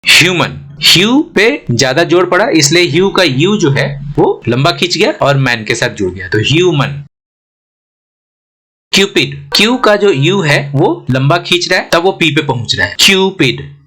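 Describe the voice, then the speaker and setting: A man teaching pronunciation, repeating each word and spelling it out letter by letter, often stopping to ask if it is clear. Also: a little high, very animated, bright, forceful tone. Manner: repeats words slowly, spells them letter by letter; asks the learner rhetorical checks. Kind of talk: explaining and drilling words.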